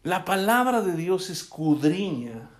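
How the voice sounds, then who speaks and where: A man's voice: sits high, very animated, slow pace. A man preaching a sermon, often asking his listeners for a yes as he goes. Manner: asks the congregation "¿sí?" often. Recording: echoey room.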